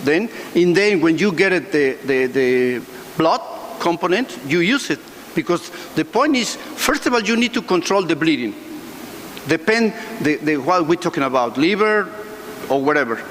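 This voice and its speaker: A man answering an audience question as a conference speaker, off the cuff, with halting, non-fluent phrasing. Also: fairly high pitch, expressive, a bit bright. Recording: echoey hall with background noise.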